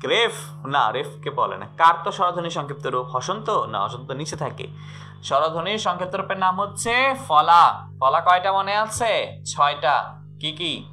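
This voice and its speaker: Bright-voiced man teaching grammar. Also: fairly high pitch, sing-song, normal speed, soft background music. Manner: repeats questions and coaxes students to answer. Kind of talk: live online class.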